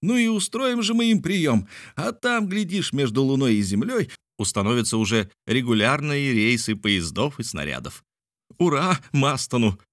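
A man voicing an excitable, boastful male space traveler who shouts in bombastic exclamations in an audiobook. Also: mid-range voice, normal speed, dry recording, studio quality, pitched above the performer's own voice, close to an everyday voice. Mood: jubilant.

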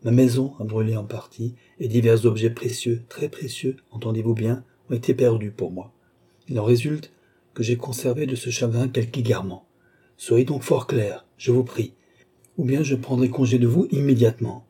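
A man reading an audiobook, voicing a proud, tired count who speaks with calm, disdainful haughtiness. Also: mid-range voice, moderate pace, breathy edge, natural voice. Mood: haughty.

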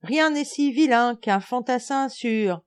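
A woman voicing a rowdy, excitable peasant schoolboy who shouts and swears in coarse rural slang. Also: mid-range voice, measured pace, pitched above the performer's own voice. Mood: furious.

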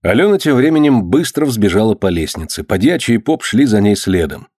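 A man's voice: lowish voice, sing-song, fairly quick, darkish tone, husky, no echo. Man narrating a historical tale, dry sound.

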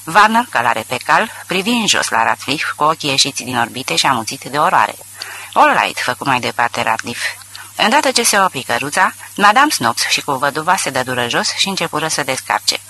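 A man narrating a literary audiobook in an expressive storytelling manner. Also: a little high, slight background noise, poor audio.

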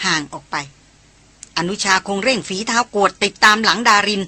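Bright, husky woman reading an audiobook. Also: mid-range voice, normal speed, no room sound. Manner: reads all characters' dialogue in her own voice. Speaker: audiobook narrator. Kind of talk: audiobook narration of a Thai novel.

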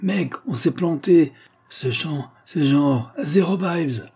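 A man's voice: on the high side, lively intonation, slow, dark tone, slightly rough, voice pushed up, heavily acted. A man voicing a laid-back young male raver who talks in casual slang. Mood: dismayed.

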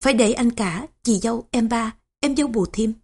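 A woman voicing a young widowed daughter-in-law who speaks calmly and gently. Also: on the high side, moderate pace, husky. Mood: calm, sad. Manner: calm, quiet, gentle.

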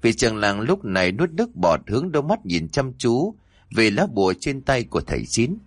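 A man narrating a horror story in a suspenseful, expressive way. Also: mid-range voice, moderate pace, no echo, studio quality.

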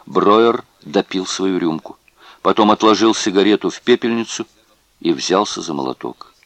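A man reading a novel aloud in expressive scripted narration. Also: low voice, normal speed, no room sound. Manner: expressive storytelling. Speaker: audiobook narrator.

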